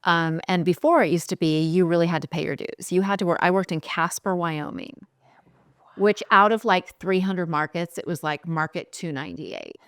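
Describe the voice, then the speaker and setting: A woman in her forties from California, a guest talking about her career in a relaxed, chatty way, laughing now and then and using lots of fillers. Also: lowish voice, normal speed, no room sound. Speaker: guest, skincare founder. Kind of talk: casual interview chat.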